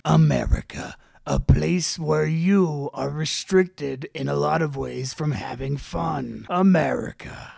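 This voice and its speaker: A man playing an odd, dithering guest poet, reciting slowly and haltingly. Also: fairly high pitch, a little mellow, no echo, clean studio sound, exaggerated voice. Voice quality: gravelly, slow and halting.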